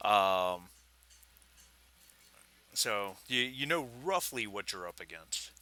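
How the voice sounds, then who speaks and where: A man running a tabletop game as game master, relaxed and unhurried, with many fillers. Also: lowish voice.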